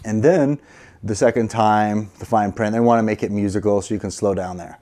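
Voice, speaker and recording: Low-voiced man teaching piano. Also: steady tone, brisk, dark tone. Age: middle-aged. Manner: encouraging, counts aloud while playing. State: a little sleepy. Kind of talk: casual piano lesson. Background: piano playing.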